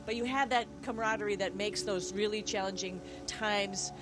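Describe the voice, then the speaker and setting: A woman's voice: mid-range voice, steady tone, normal speed. A woman speaking as an astronaut, answering informally in a reflective, conversational way. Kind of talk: informal educational question-and-answer.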